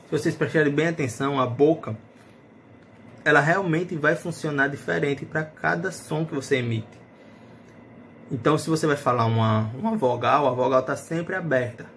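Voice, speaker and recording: A man's voice: fairly high pitch, fairly bright tone, a little hiss or hum. A man teaching a phonetics lesson in Portuguese, explaining patiently and often checking in with his students. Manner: explanatory, checks in with tag questions.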